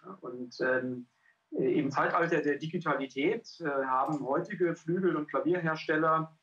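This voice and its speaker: A middle-aged man presenting a research project over a video call, halting and full of filler sounds. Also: on the high side, a bit bright. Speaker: cultural scientist and pianist presenting a research project. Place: indoor room. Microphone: headset on a video call. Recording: dull lo-fi call audio.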